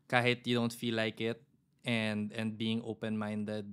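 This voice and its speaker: A man's voice: fairly low pitch, completely flat delivery, a little slow, fairly bright tone, smooth. A man with a Filipino accent hosting a podcast in a casual, conversational interview style. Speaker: podcast host.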